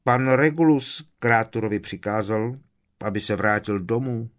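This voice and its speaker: A man voicing a frail, cowed old male house-elf who croaks and speaks of himself in the third person. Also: on the low side, pitched above the performer's own voice, natural voice. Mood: insistent.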